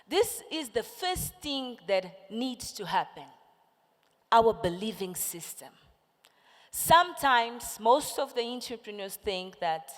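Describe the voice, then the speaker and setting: On stage at a large conference hall, a woman in her forties, a native Portuguese speaker on the panel, delivers a rousing motivational speech and throws questions to the crowd. Her voice has a medium pitch, and the room's echo fills the recording.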